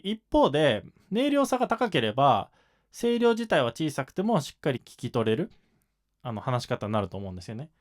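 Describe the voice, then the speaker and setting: A man's voice: mid-range voice, a little mellow. A man explaining shamisen technique in a patient lesson, with frequent fillers. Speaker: shamisen instructor.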